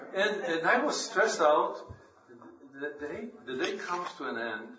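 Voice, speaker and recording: A man's voice: high-pitched, big pitch swings, slow pace, crowd noise. Man preaching in a roomy hall. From Poland. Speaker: lay preacher at a church meeting. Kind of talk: scripture reading and devotional talk. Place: church meeting hall. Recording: roomy, distant, dull church recording.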